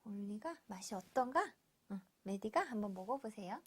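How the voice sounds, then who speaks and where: A woman's voice: medium pitch, lively intonation, normal speed, breathy edge. A woman teaching a young child to cook, talking in simple, encouraging, sing-song phrases with playful repeated sound words. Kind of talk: hands-on cooking lesson with a young child.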